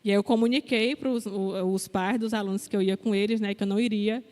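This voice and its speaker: A woman's voice: mid-range voice, steady tone, brisk, darkish tone. A young woman giving a personal testimony in a sermon, telling her story candidly and quoting the people in it. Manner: candid storytelling, quotes herself and others. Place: church hall. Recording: long hall reverb.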